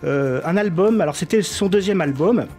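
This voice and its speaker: A man's voice: sits high, animated, normal speed, dark tone. Columnist man with studio music bed. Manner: frequent filler "hein", storytelling delivery. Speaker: radio columnist. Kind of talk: scripted radio segment.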